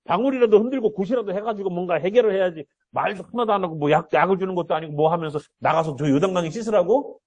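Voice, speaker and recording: A man voicing an indignant, proud army general who rants in huffy complaints, with a husky voice. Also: high voice, fast talker, few pauses, darkish tone, dull audio.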